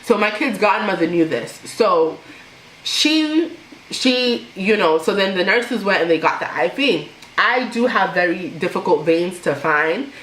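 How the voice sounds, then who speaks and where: A young woman vlogger telling a personal story in a casual, animated way, laughing now and then. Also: mid-range voice, measured pace. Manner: animated, laughs while telling, imitates others. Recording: echoey room with faint noise.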